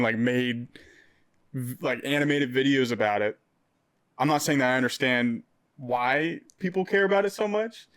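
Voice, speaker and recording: A man's voice: medium pitch, fairly bright tone, smooth, no echo, clean studio sound. A man co-hosting a casual podcast, rambling with lots of fillers and cracking jokes. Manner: rambling, filler-heavy, joking. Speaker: podcast co-host. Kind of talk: casual chat.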